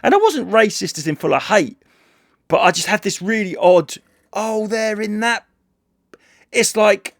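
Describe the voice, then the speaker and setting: A man's voice: high-pitched, big pitch swings, moderate pace, gravelly, no echo, clean studio sound. A man chatting casually on a podcast, rambling and swearing, often trailing off mid-sentence. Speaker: podcast host. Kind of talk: casual chat.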